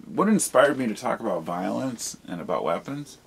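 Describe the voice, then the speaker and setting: Over a noisy background, a video blogger with a creaky, somewhat low voice speaks animatedly at a moderate pace. His monologue is casual and meandering, frank and casually profane, as he reflects and questions himself.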